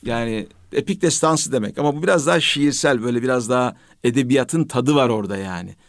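A man hosting a radio chat talks in a reflective, measured way and sprinkles in religious phrases. His voice sits at an ordinary pitch. The sound is close and dry, with no room around it. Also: no room sound. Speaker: radio host.

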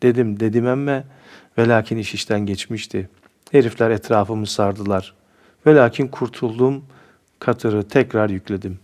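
Cheeky young soldier, as a man reads him, rustic folksy talk, boastful, lowish voice. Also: measured pace, a little mellow, lightly acted. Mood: spirited.

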